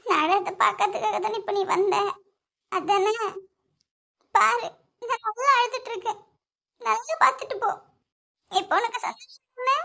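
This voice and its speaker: This is a tearful, stubborn young woman in a cartoon who is hopelessly in love, as a woman voices her. Her voice sits extremely high and squeaky. She pleads with emotion in every line. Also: fairly even intonation, moderate pace, pauses often, fairly bright tone. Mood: heartbroken.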